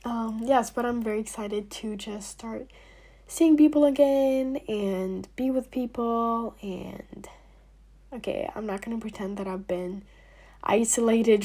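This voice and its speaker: A young woman in her late teens talks casually to her viewers in a husky, slightly hoarse voice. She drifts between ordinary speech and soft, nearly whispered asides, with plenty of fillers along the way. She sounds like she is getting over an illness. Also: a little high, fairly even intonation, unhurried. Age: young adult. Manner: chatty, frequent fillers, drops to near-whispers. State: recovering from illness, clearing throat. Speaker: vlogger. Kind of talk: casual talk to camera.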